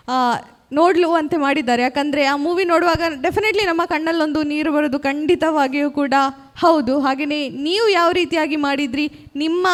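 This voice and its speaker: High-voiced lady hosting a dance show, upbeat and smooth. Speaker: show host.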